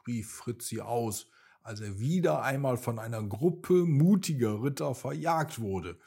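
A man tells a bedtime story for children in a gentle, expressive way. He reads slowly, with a husky, breathy voice. His pitch rises and falls in a lively melodic swing.

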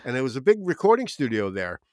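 A man's voice: mid-range voice, big pitch swings, fast, darkish tone, no echo, studio quality. A man with a New Jersey accent, co-hosting a music show and telling stories in casual, rambling chat while reeling off long lists. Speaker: podcast co-host.

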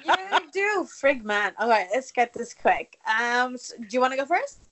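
Chatty woman co-host, slightly high voice. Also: animated, normal speed, fairly bright tone. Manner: chatty, swears and laughs easily. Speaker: podcast co-host. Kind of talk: casual chat.

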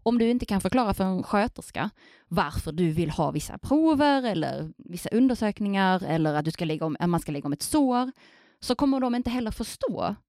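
A woman speaking as a surgeon guest on a podcast, lively and acting out quoted voices in casual chat. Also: mid-range voice, no room sound, studio quality.

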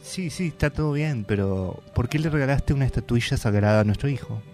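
A man's voice: medium pitch, a little fast, darkish tone, faint music behind, natural voice. A man playing a stern morality police officer in a radio comedy sketch, with a Rioplatense Spanish accent. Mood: scolding. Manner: stern, probing questions.

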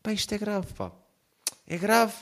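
A young man with a European Portuguese accent, ranting in a casual, animated vlog monologue full of filler words. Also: high-pitched, measured pace. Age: young adult. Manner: animated, heavy use of fillers like "pá". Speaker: vlogger.

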